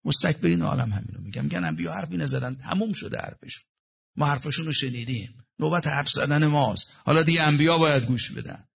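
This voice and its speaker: A man preaching a religious sermon in a gravelly, husky voice. He quotes Arabic verses and unpacks them in everyday speech. His delivery swings between hushed passages and raised, emphatic ones. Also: a little high, expressive. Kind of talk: religious sermon with Quranic recitation.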